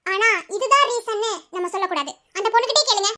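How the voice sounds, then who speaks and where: Cartoon role: woman as outspoken female lecturer, shrill and quick. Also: pushed and bright. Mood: firm. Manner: firm, challenging.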